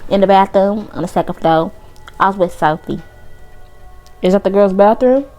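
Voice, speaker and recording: A woman putting on a teenage football player with a mock Southern drawl, casual and evasive, backpedaling through every answer. The voice sits at a middling pitch. Soft music plays under it in a game recording. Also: normal speed, lo-fi sound, lightly acted. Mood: defensive.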